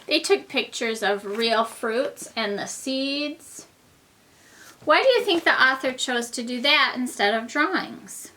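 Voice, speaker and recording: A woman's voice: high voice, lively intonation, slow pace, pushed and bright, a little hiss or hum, poor audio. A woman teaching a reading lesson to young children, explaining things simply and patiently like a kindergarten teacher talking to little ones.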